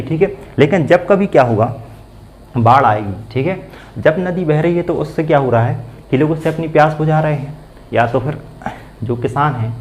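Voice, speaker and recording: A man's voice: a little high, darkish tone, slight background noise, poor audio. A man teaching grammar, asking a question and then answering it himself, repeating the key words, with phrasing. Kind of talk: classroom-style grammar lesson.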